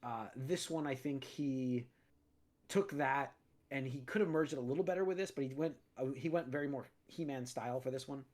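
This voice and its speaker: Recovering from a recent cold, the male podcast host sounds slightly raspy yet a little mellow, his mid-range voice moving fairly quickly through a casual chat at his studio mic. He rambles in loose stretches, using many fillers and repeatedly stopping to start over.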